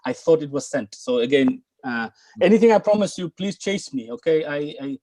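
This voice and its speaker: Teaching Arabic on a video call from his home, a middle-aged man speaks in an earnest, coaxing manner, often beginning his words again. His voice is on the high side, expressive and mellow, at normal speed, with no room sound. The clip is live online class talk.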